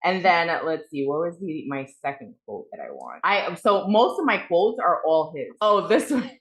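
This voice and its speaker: A woman's voice: on the low side, big pitch swings, moderate pace. A woman co-hosting a casual book review podcast, frank and profane, with many fillers. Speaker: podcast co-host.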